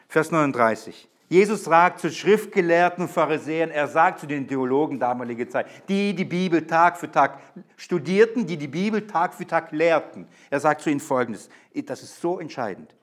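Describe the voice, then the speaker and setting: A man preaching a sermon to a congregation, stressing key lines with urgent emphasis. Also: on the high side.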